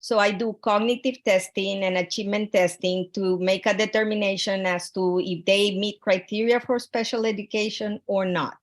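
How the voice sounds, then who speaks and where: A woman from Honduras presenting her research proposal over a video call, earnest and halting, with frequent fillers and restarts. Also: mid-range voice, steady tone.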